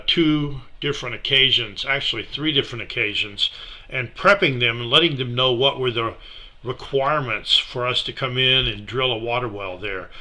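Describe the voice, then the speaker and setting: Guy presenting slides, bright tone, laid back, mid pitch, lots of ums. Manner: relaxed, unhurried, many fillers.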